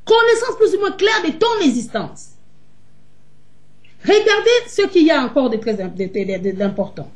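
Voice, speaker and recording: A woman's voice: high-pitched, sing-song, moderate pace. Emphatic woman preaching on a video call. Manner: emphatic, rhetorical questions. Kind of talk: sermon-like teaching on a video call. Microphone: video call webcam.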